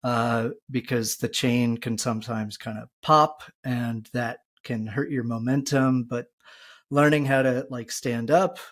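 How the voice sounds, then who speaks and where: A man's voice: mid-range voice, steady tone, measured pace. A man hosting a podcast, asking long, loose questions full of fillers. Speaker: podcast host. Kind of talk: casual interview chat.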